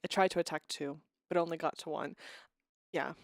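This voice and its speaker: A woman's voice: deep voice, fairly even intonation, brisk, no room sound, studio quality. A woman streamer chatting casually with her viewers, rambling and restarting her sentences, a little unwell with a cough.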